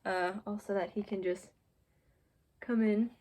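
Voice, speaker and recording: A teenage girl volunteering as a student reader reads a children's picture book aloud in a mid-range voice, fairly even in intonation and a little slow. Background noise is present, and she adds chatty, informal asides for young listeners.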